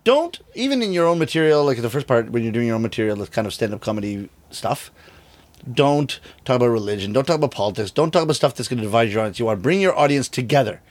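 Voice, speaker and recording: Speaking fast at a medium pitch, a middle-aged man who performs rakugo chats casually in an interview. He tells his stories with lively energy, voicing each character he quotes.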